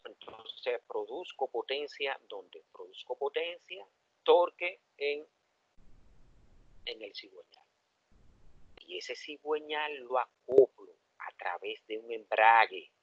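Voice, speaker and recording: A male engineering professor with a Dominican accent, giving a lively classroom lecture and asking the students questions. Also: medium pitch, takes it slowly, slightly rough, no room sound. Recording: dull, dry lo-fi classroom recording.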